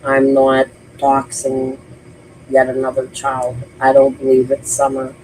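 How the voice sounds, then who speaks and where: Even-toned man over faint noise. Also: mid-range voice, measured pace, rough recording. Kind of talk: casual talk.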